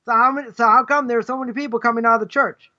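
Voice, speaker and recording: Heard over a dull lo-fi livestream, a middle-aged rabbi rattles through a live, rambling Torah lesson on ethics in a rapid-fire, sharp, very high voice with fairly even intonation. Rhetorical questions come thick and fast, and "right?" follows nearly every point.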